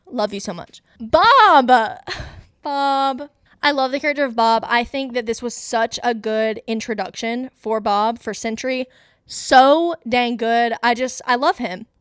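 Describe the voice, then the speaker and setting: A woman's voice: fairly high pitch, smooth, no echo, studio quality. A woman hosting her own show, giving a casual, gushing movie review in a chatty way, full of fillers. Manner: gushing, enthusiastic fan talk. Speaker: host.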